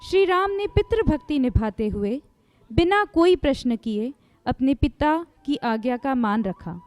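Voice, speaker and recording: A woman narrating a school stage play in a calm, explanatory manner. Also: high voice, a little slow.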